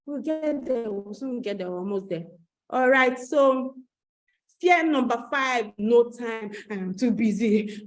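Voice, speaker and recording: High-voiced Nigerian woman coaching online. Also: rough recording. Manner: animated, repeats phrases, asks the audience questions. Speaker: webinar host and coach. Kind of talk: motivational webinar talk.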